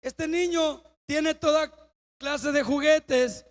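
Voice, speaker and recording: A man preaching a sermon, telling a story and acting out its dialogue with bursts of shouting. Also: very high voice, fairly even intonation, takes it slowly. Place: church.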